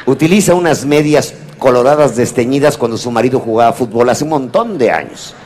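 A man's voice: mid-range voice, lively intonation, fairly quick, a little mellow, slight background noise. A man giving a humorous motivational lecture to a live audience, teasing and talking straight to his listeners. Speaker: motivational speaker.

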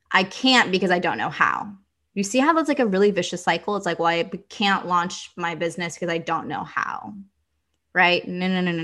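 A woman's voice: mid-range voice, fairly bright tone. A young woman business coach giving an enthusiastic, repetitive motivational talk, full of "like" and "okay". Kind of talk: motivational teaching monologue.

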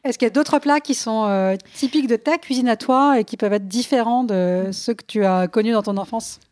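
A woman interviewer from Kerala, India, asking short relaxed questions in a casual conversation. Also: a little high, brisk, dry recording, clean studio sound.

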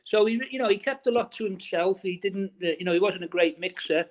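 Speaking a little fast in a high voice, a middle-aged former footballer reminisces casually in an interview. His talk is chatty, with lots of restarts and "you know" thrown in.

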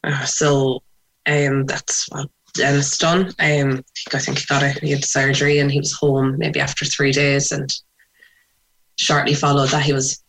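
A woman with a west of Ireland accent recounting personal memories in an interview, reflective and pausing softly as she goes. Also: very deep voice, level tone, a little hiss or hum, low-quality recording. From Sligo, west of Ireland.

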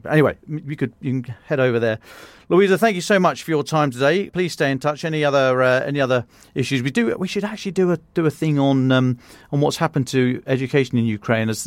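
A British man hosting a podcast interview, conversational and halting, often repeating his words. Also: mid-range voice, no room sound. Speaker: podcast host.

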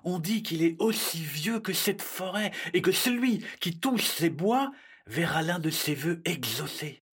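A woman voicing a confident young boy in a children's audio story, with a somewhat low, husky voice. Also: lively intonation, a little slow, full character voice. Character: confident boy cousin, know-it-all.

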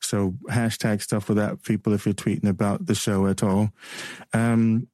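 A man with a transatlantic accent hosting an internet radio show, chatting and rambling in a relaxed way with frequent laughs. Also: on the low side, moderate pace, dry recording, clean studio sound. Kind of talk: casual on-air banter.

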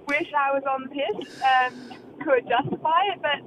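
A woman's voice: sits high, normal speed. A woman in her twenties telling a casual confessional story in a voice message. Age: 20s. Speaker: caller leaving a voice message. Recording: muffled voice message with background noise.

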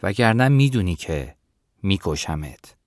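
A man's voice: low-pitched, big pitch swings, no room sound, studio quality. Man playing a cruel threatening landlord. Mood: menacing.

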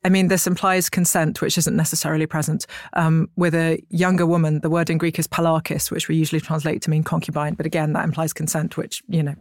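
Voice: medium pitch, flat delivery, fast, few pauses, no echo. Articulate expert speaker in a dry recording. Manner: articulate, discursive storytelling with asides. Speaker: expert guest on Greek myth. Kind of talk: conversational explanation, discussion.

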